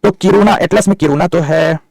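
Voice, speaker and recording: A man's voice: high voice, fairly quick, vocal fry, a little mellow, dry recording. A middle-aged male geography teacher, giving an online map lecture, answering students' chat questions and dictating notes.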